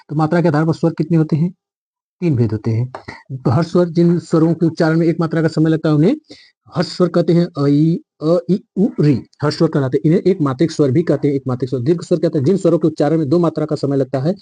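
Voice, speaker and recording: A male teacher with a very dark, mellow tone set a touch above the usual man's pitch. He drills his viewers through a grammar lesson, repeating key points and putting questions back to them. The recording is dry and close. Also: no room sound.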